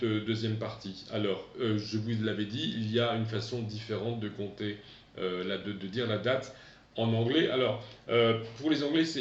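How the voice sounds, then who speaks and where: Middle-aged male teacher, lowish voice, halting delivery, roomy distant dull recording. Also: slight background noise. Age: 50s. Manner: hesitant, repeats words for pupils to echo. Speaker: English teacher. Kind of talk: remote classroom lesson.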